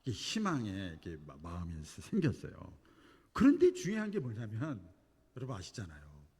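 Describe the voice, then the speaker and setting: A man preaching a sermon as pastor, telling a story animatedly and moving between hushed and emphatic delivery. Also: fairly low pitch, huge pitch swings, moderate pace, slightly rough, in a large hall. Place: church sanctuary.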